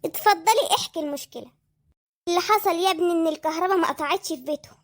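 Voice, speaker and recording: A woman voicing a gossipy, sharp-tongued mother in an Egyptian cartoon, with an Egyptian Arabic accent. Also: very high-pitched, very fast.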